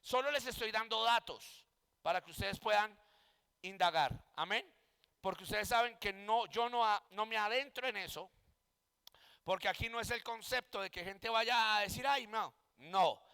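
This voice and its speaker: Male preacher-teacher, very high pitch, emphatic lecturing with rhetorical questions, heard in a reverberant hall. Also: normal speed, gravelly, sharp tone, smooth. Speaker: Bible teacher and pastor. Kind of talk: Bible exegesis class.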